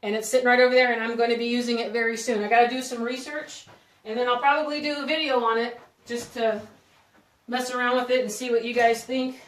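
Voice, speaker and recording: A woman's voice: a little high, echoey room. A woman hosting a live crafting demo from her home craft room, chatting and rambling with viewers as she works with her hands. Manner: chatty, rambling, giggly, talks while working with her hands. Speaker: craft video host.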